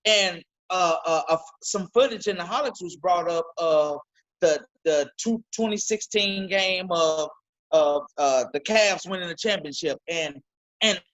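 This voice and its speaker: An excited man talking sports on a podcast over a video call. He pushes his points hard, stumbles over repeated words and speeds up as he gets going. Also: sits high, highs cut off. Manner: emphatic, talks fast and repeats words when excited. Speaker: podcast co-host. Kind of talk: casual sports talk.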